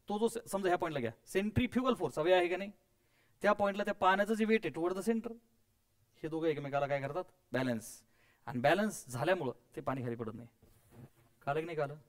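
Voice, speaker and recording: A man's voice: sits high, lively intonation, quick pace. A man teaching physics to a classroom of students, coaxing and quizzing them, mixing English terms in and adding playful sound effects.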